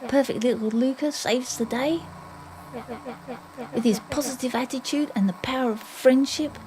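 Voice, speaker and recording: An older woman voicing a bitter, resentful boy who has become a monster, talking in hushed, mocking tones. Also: high voice, moderate pace, noisy background, natural voice.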